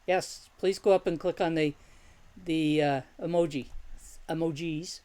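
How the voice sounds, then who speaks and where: A host of an online group call talking casually, halting and unhurried, with many pauses and restarts. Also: mid-range voice, steady tone, a little mellow.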